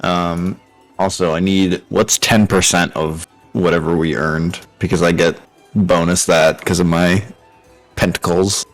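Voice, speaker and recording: A man's voice: low-pitched, steady tone, measured pace, soft background music. A man chatting casually as a player in a tabletop role-playing game.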